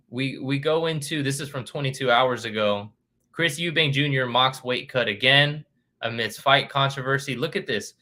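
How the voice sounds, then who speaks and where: A man's voice: medium pitch, sharp tone. A man hosting a casual boxing vlog, reading news headlines aloud and chatting with lots of fillers. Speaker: boxing channel host.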